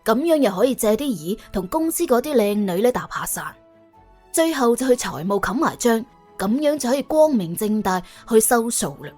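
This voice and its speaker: Her voice is fairly high with big pitch swings and a darkish tone, moving at normal speed over faint background music. She's a woman narrating an audiobook with a Hong Kong or Guangdong Cantonese accent, telling a colourful scripted story in a dramatic, colloquial and humorous way.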